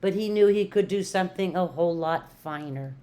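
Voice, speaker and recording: With a lowish, warm voice, an older woman who used to teach reads a picture book to children, using playful, rhythmic emphasis and lengthening her words. A faint hiss or hum can be heard.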